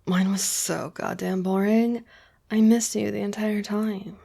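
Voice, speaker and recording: A woman's voice: medium pitch, steady tone, a little slow, vocal fry, warm tone. A woman voicing an affectionate young adult girlfriend in an audio role-play, playful and teasing, with casual swearing.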